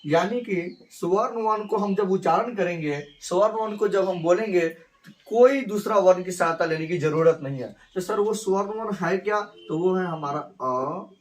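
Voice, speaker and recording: High-voiced man teaching grammar slowly. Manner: repeats phrases slowly, asks and answers his own questions. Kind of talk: grammar lesson.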